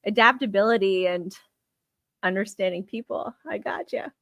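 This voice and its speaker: A woman co-hosting a casual podcast, giggly and informal, with vocal fry and frequent use of "like". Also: mid-range voice, steady tone, normal speed, a bit bright, no room sound. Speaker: podcast co-host.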